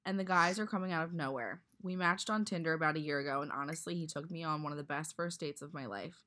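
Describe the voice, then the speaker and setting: A woman's voice: sits low, fast, a bit bright. A woman co-hosting a casual podcast and reading listener emails aloud, her voice stuffed up from allergies. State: congested from allergies. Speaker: podcast co-host.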